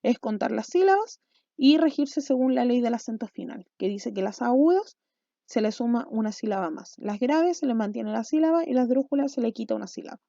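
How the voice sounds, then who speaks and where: A woman's voice: on the high side, animated, fairly quick, creaky, dark tone, dry recording. Patient woman teacher, dull lo-fi audio. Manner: patient, step-by-step explaining with frequent check-ins. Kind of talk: online class lesson. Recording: dull lo-fi sound.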